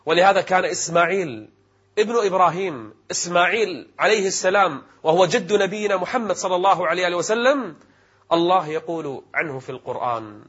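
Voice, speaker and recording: A man with a fairly high, husky voice delivers a religious sermon in formal standard Arabic. His delivery is emphatic and rhetorical, with classical diction. The recording sounds dull and a little muffled. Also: lively intonation, brisk, fairly bright tone. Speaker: Islamic preacher presenting a religious programme.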